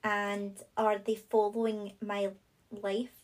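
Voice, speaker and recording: A woman's voice: mid-range voice, completely flat delivery, slow, rough recording. Friendly woman podcast host. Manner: friendly, with many short back-channel replies. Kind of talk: casual podcast interview.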